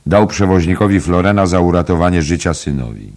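A man voicing a genial male mourner telling an anecdote in a loud, raised voice, in an audiobook reading. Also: low voice, expressive, a little fast, voice pushed up. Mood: animated.

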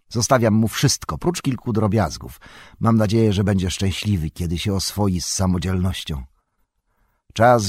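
A man voicing an irritable, possessive old male hobbit in an audiobook, in a higher, agitated voice. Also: husky, no room sound, studio quality. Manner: higher, louder, quick and agitated. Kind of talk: audiobook character voice.

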